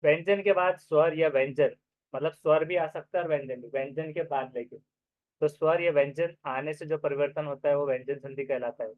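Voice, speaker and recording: A man teaching an exam-prep grammar lesson, explaining step by step and repeating each example slowly. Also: fairly high pitch, steady tone, no echo. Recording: dry, phone-like narrow sound.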